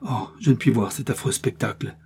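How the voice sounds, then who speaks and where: A man's voice: medium pitch, fairly quick, gravelly, dark tone, husky. A man voicing an impassioned young musketeer, torn and grieving, in an audiobook. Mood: earnest.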